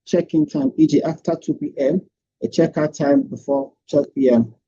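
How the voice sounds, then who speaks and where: A man presenting his capstone project over an online meeting, heard through screen-recorded call audio, walking through his slides with frequent hesitant pauses. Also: fairly high pitch, breathy edge, highs cut off. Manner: steady walkthrough with frequent hesitant "um"s. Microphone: computer or headset mic on a video call.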